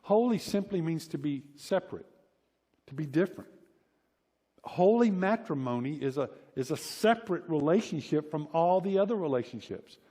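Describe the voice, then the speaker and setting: In a big, echoing church hall, a middle-aged man with a Southern American accent delivers a conversational sermon full of personal anecdotes, folksy and informal, leaning on repetition for emphasis. He speaks at a moderate pace in a fairly high, animated voice that is mellow and husky.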